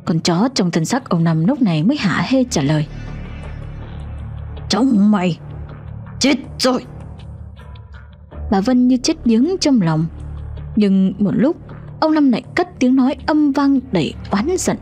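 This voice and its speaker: A woman's voice: a little high, big pitch swings, moderate pace, warm tone, faint music behind. A woman narrating a horror story in a dramatic, suspenseful scripted style.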